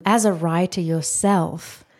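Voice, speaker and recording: A woman's voice: fairly low pitch, fairly even intonation, takes it slowly, darkish tone. A woman hosting a podcast, asking thoughtful questions in an interview conversation. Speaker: podcast host.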